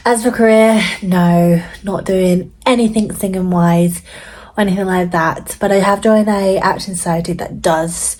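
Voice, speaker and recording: A woman's voice: medium pitch, fairly even intonation, a little slow, a little mellow. A woman, chatting casually and reflectively as she replies to her younger self in a vlog. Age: 30s. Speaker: vlogger.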